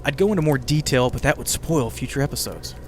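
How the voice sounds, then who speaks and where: Speaking fast in a mid-range voice, a man who hosts and writes a podcast gives scripted yet conversational narration with casual asides to his audience. A music bed and a crackling fire play underneath.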